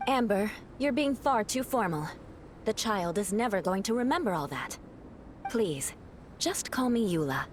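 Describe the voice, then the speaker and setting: A woman's voice: medium pitch, animated, measured pace, slight background noise, lightly acted. An actress playing a reserved, aristocratic female knight captain who speaks formally and with composure. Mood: wry. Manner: formal, composed, slightly aloof.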